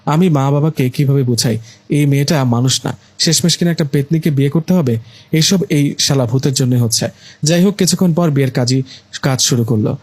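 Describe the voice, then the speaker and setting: A man narrating a first-person story in a lively, exclamatory way. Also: mid-range voice, a little fast.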